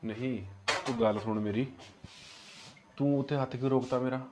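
A man's voice: medium pitch, steady tone, normal speed, heavy background noise, natural voice. A man playing a grumbling, defensive son who gives in when his sister scolds him. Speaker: son, head of the household.

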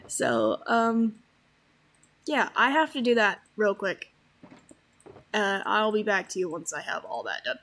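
A woman's voice: mid-range voice, lively intonation, takes it slowly, long pauses, a bit bright. A woman giving casual, rambling gameplay commentary, chatty and full of fillers. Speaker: Minecraft let's-player.

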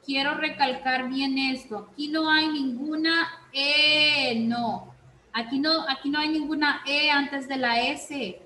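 A woman teaches a reading class, her voice high and her pace unhurried. She keeps checking in with short questions and moves between two languages. The room is echoey, with a faint hiss behind her. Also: steady tone, sharp tone. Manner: slow, repeats "¿ok?" often, switches between Spanish and English. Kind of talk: online class instruction.

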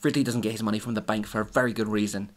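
A woman reading a cold, threatening male ninja in a quiet, menacing voice. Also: fairly low pitch, little pitch movement, racing, voice pushed down, natural voice.

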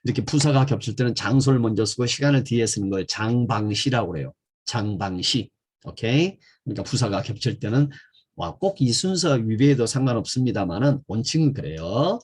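A Korean man from South Korea teaches an English grammar lesson drawn from scripture, speaking in a husky, breathy voice at a middle pitch. He drags out each English phrase slowly, stressing single words loudly and then dropping to a soft, warm encouragement. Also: animated.

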